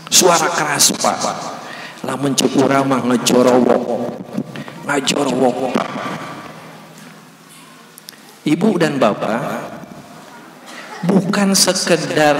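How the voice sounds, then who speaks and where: A man preaching with a Sundanese accent, telling a story slowly and deliberately and acting out the shouted calls in it. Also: fairly high pitch. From West Java, Indonesia. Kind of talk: sermon. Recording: echoey hall with faint ambience.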